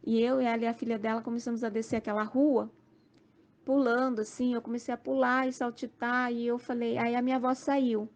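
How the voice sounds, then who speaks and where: Mulher brasileira de voz aguda e rouca, relato de sonho lento e repetitivo. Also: female voice, a little high, little pitch movement. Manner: slow, repetitive storytelling with many "assim" and "sabe" fillers. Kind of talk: recounting a dream testimony.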